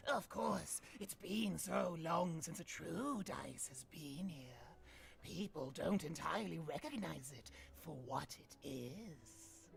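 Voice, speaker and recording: A mysterious old woman from a video game, low and heavily creaky. She slips in and out of an old-woman whisper, slow and insinuating, with pitch that swoops about as she schemes. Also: exaggerated voice. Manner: hushed, breathy half-whispered, insinuating delivery. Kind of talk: theatrical video game character acting.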